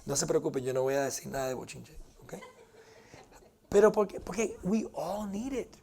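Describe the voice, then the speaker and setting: A male pastor preaches in a fairly high voice to his congregation. He keeps the sermon light and joking and slips easily into English phrases. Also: lively intonation, moderate pace, gravelly, mellow. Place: church before a congregation.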